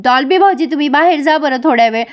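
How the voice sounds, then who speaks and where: A woman's voice: high voice, fast talker, close to an everyday voice. A woman voicing a strict, protective young village wife who scolds firmly. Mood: scolding. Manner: scolding, firm.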